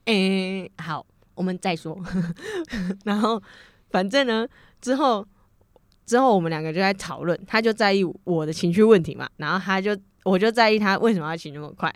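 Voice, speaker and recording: A woman's voice: medium pitch, expressive, normal speed, no echo, studio quality. A young woman with a Taiwanese Mandarin accent chatting casually on a podcast, acting out both sides of an argument and laughing often. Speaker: podcast co-host. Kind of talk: casual chat.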